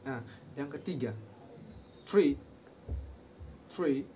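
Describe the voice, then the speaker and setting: A young man, a university student, giving a recorded class presentation, explaining terms and then slowly repeating how each phrase is pronounced, mixing in short English phrases. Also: medium pitch, lively intonation, mellow, a little hiss or hum.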